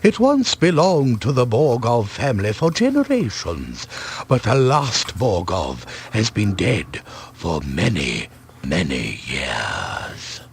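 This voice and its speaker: An actor playing a talkative gatekeeper of a dark valley in a video game, slow and dramatic with a husky voice. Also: male voice, fairly low pitch, huge pitch swings, slight background noise, exaggerated voice. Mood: ominous, explanatory. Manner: slow, dramatic, swooping delivery. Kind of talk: video game character dialogue.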